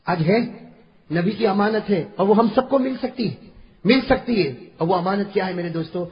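A male preacher telling a story in a sermon, impassioned, rising to shouts and asking the audience rhetorical questions. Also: high voice. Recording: dull lo-fi recording.

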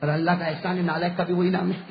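A man preaching a sermon to a gathering, mixing jokes with religious teaching. He drops to murmured asides, then shouts exhortations and calls on the crowd to answer. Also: sits high, little pitch movement, fast talker, creaky. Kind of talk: sermon with humorous anecdotes. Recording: echoey lo-fi hall recording.

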